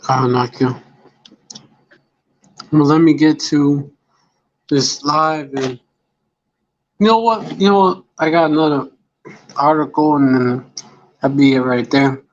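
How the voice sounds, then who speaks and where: A man's voice: a little high, unhurried, long pauses. A man hosting a casual chat, drawling and swearing as he reads out news. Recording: dull lo-fi sound.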